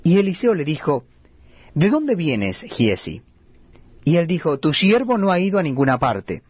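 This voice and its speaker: A man reading scripture aloud at a steady, measured cadence. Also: fairly high pitch, breathy edge, no echo, muffled recording. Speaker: Bible reader.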